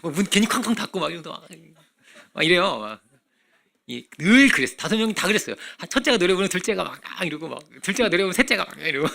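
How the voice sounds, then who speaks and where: Brief: male pastor, sermon, raised pitch, gravelly and bright, chatty with rhetorical questions. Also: racing. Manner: conversational preaching with frequent rhetorical questions; acts out children's voices in animated bursts.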